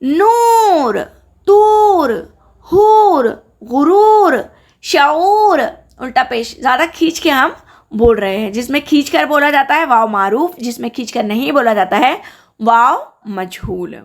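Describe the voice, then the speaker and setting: A woman teaching a grammar lesson, slowly pronouncing example words with careful stress and repeating them. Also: fairly high pitch, animated.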